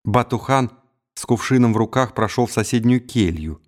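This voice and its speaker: A man reading an audiobook as its narrator, in a measured, unhurried way. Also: mid-range voice. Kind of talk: scripted narration.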